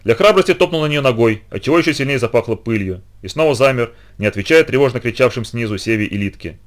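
A man's voice: medium pitch, lively intonation, quick pace. A man reading a children's story aloud in the first person, with dramatic expression. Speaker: reader.

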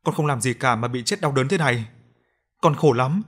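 A man's voice: mid-range voice, moderate pace, close to an everyday voice. A man voicing the grieving female ghost of a murdered mother, who speaks through a girl in a sobbing, pleading tone. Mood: sobbing plea.

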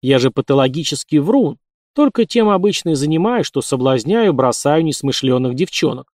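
A man's voice: on the high side, animated, moderate pace, a little mellow, dry recording, clean studio sound, lightly acted. A man voicing a cocky, teasing young soldier recovering in hospital. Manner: joking, smooth.

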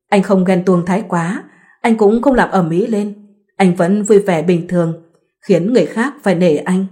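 A woman narrating a first-person story in a steady storytelling manner. Her pitch sits in a middle register for a woman.

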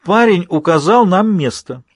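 A raised, animated voice of a lecturing male psychologist, as a man reads him. He explains in long, eager runs, slightly husky and close to the mic in a dry room. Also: a little high, moderate pace, dry recording, pitched above the performer's own voice. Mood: excited.

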